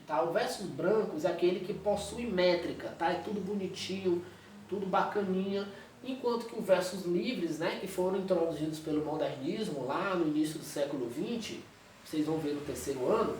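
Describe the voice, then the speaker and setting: A man's voice: sits high, slight background noise. Brazilian male teacher explaining a lesson, constant check-ins, distant mic in a very echoey room. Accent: Brazilian Portuguese. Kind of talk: recorded classroom lecture.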